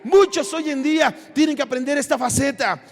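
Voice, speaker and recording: A Mexican man preaching from the pulpit in a very high, ringing voice. He swings from loud, impassioned shouts to quiet asides to the church. His voice carries a long echo through the hall. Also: a little fast, creaky. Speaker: pastor. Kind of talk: sermon. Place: church sanctuary.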